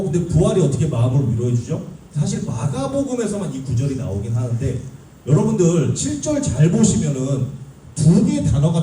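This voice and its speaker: A young man preaching a sermon to a youth group, talking in an animated way and putting questions to his listeners. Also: a little high. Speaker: youth pastor. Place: church hall. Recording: echoey room, mic at a distance, faint hum.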